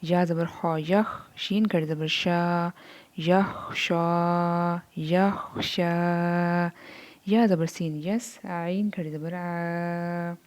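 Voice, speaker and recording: A woman teaching Quran reading, spelling out syllables slowly one by one, then explaining quickly. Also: lowish voice, steady tone, clear, resonant tone. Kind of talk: spelling out syllables in a slow lesson.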